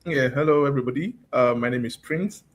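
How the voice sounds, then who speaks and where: A man's voice: medium pitch, a little fast, a little hiss or hum. Earnest Nigerian man asking rhetorical questions. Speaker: forum leader. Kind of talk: opening remarks. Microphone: video call.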